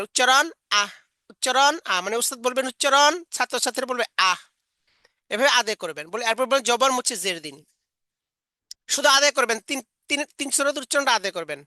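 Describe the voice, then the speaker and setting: A woman training Quran teachers, explaining classroom drills step by step and modeling the vowel sounds slowly. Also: fairly high pitch, sharp tone, no room sound. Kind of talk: instructional lecture.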